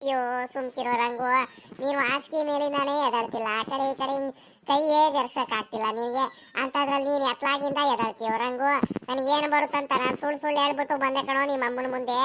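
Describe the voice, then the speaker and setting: Woman voicing high rapid-fire village girl. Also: fairly even intonation, a bit bright, a little hiss or hum. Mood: fretful. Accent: Karnataka rural Kannada. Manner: scolding, dramatic sighs. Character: village woman Ningi, scolding sweetheart. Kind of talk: cartoon voice acting.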